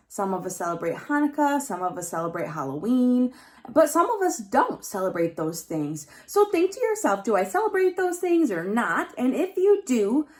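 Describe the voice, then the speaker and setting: A woman teacher reads a picture book aloud to young pupils in a slightly high, darkish voice. She pauses to explain things in simple words, stresses key words, and puts questions directly to the children.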